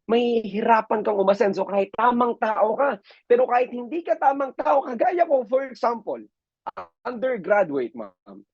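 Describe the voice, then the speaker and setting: A man from the Philippines, a business mentor giving a lively motivational seminar talk and often addressing his audience as ma'am and sir. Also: high voice, creaky, breathy edge, dry recording. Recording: dull lo-fi, dry sound.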